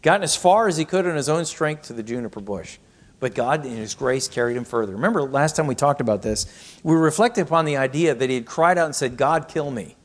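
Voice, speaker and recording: A man's voice: medium pitch, expressive, quick pace. Male pastor preaching, mid-range voice, scripture reading and rhetorical questions. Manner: reads scripture aloud, then reflects with rhetorical questions. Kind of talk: sermon.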